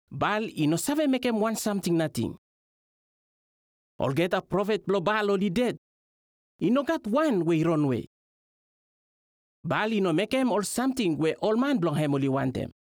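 A man's voice: high voice, sing-song, moderate pace, darkish tone, dry recording. Guy from vanuatu style melanesian pidgin, bible teacher talk, really up and down voice, dry sound. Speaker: religious teacher.

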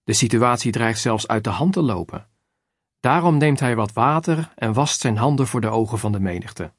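Guy reading a religious book out loud, steady and measured, mid voice, dry sound. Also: medium pitch, no room sound. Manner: measured, even reading of chapters and verse numbers. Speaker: narrator. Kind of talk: scripted narration of a religious book.

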